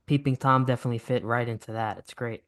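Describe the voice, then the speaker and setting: A man's voice: mid-range voice, steady tone, fast talker, a bit bright. A nineteen-year-old man, a podcast guest, talking in an easygoing, enthusiastic way full of fillers. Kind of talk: casual interview chat.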